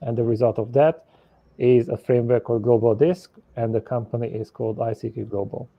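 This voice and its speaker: A man's voice: mid-range voice, little pitch movement, fairly quick, gravelly, dry recording. A man from Hungary, a guest telling his story in a candid, matter-of-fact way. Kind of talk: conversational storytelling. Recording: dry, lo-fi audio.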